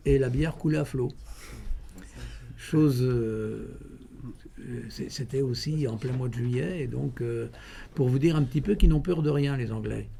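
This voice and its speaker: A man giving informal interview answers, telling stories in a halting way with repeated words. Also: medium pitch, gravelly, mellow, a little hiss or hum. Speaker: president of a running club, interviewee.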